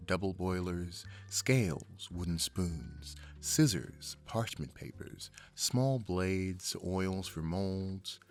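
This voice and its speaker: A man narrates an ASMR sleep story in a soothing, unhurried way, guiding the listener along. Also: low-pitched.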